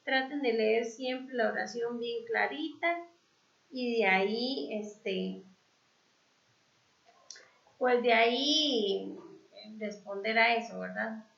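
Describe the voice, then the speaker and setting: Slow, high-voiced woman English teacher. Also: gravelly, fairly bright tone. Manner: slow, explanatory, with fillers. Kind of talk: online class review. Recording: echoey, dull lo-fi sound.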